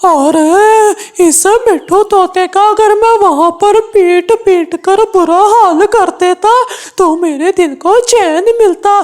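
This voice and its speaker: A woman's voice: very high voice, slow, hardly any pauses, a little mellow. A woman voicing a smug, gossipy male parrot in a cartoon who mocks his friend. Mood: scornful. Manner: teasing, scolding. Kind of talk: cartoon voice acting.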